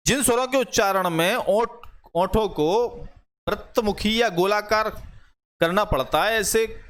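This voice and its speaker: A man's voice: sits high, fairly bright tone. A man teaching an online grammar class, explaining step by step, repeating examples aloud and asking the class rhetorical questions.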